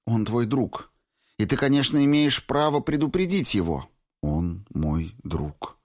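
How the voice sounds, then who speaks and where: Audiobook: male reader voicing an earnest young woman, raised and pleading, lively intonation. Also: moderate pace, close to an everyday voice. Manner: raised pitch, emphatic and pleading. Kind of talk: audiobook reading.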